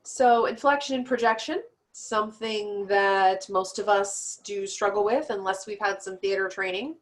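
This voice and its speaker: A woman's voice: medium pitch, fairly even intonation, moderate pace. A woman teaching an online storytelling class in a chatty, practical way, with self-deprecating asides.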